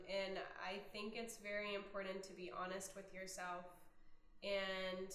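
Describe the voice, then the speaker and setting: A woman talking in a gentle, reflective way in a casual podcast chat, pausing often with "um". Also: mid-range voice, slight background noise. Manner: reflective, gentle, many "um" pauses. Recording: roomy echo.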